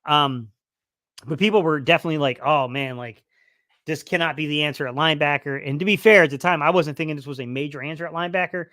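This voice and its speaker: A sports livestream host runs a casual football stream, reading the chat aloud and rambling with plenty of fillers and restarts while his voice begins to give out a little. His voice is fairly high, fast, bright and forceful, captured as clean studio sound with no room tone.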